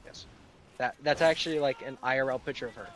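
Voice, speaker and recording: A man's voice: mid-range voice, fast talker, a bit bright, slight background noise. A young man from the United States in his late teens, chatting sarcastically and rambling while he streams a game. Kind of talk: casual live-stream chat while gaming.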